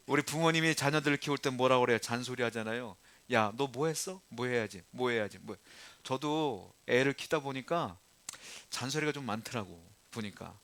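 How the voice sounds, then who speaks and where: A middle-aged male pastor preaching a sermon in a conversational way, dropping to quiet asides and then repeating points loudly and emphatically. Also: medium pitch, dry recording. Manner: acts out nagging parents and quoted voices.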